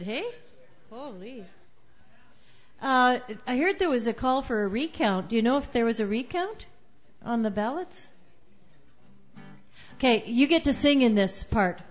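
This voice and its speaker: A high-voiced woman keeps up bubbly, joking stage banter with the audience. She talks into a stage mic in a small live venue. The recording is muffled, with faint music underneath. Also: expressive, measured pace, pauses often. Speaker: open mic singer-songwriter. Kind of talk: chatty stage banter between songs.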